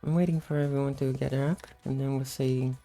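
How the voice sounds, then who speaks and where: Low, mellow, sleepy woman gamer. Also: steady tone, brisk, faint music behind. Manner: sleepy, just-woke-up morning voice. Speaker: gameplay host. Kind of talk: casual gameplay commentary.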